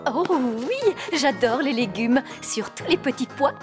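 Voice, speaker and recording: A woman voicing a calm, patient fairy queen mother in a cartoon dub. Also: high-pitched, a little slow, music in the background. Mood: dry.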